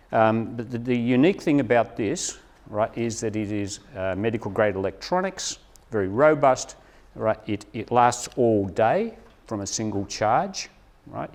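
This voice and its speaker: A man presents a live teacher training session in a meeting room before an audience, chatting casually and often checking in with "right?". His voice is fairly low and darkish, picked up on a lapel mic and later on a distant room camera mic.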